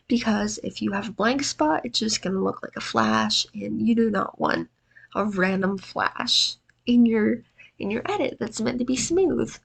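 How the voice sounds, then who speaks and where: Creaky with a breathy edge, this woman's voice sits on the high side. She narrates a video editing tutorial casually and self-deprecatingly, sounding exhausted and congested from allergies.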